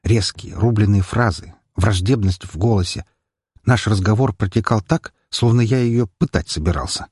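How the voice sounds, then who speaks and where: Husky, low-voiced male audiobook narrator. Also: normal speed, darkish tone, no echo, studio quality. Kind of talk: first-person audiobook narration.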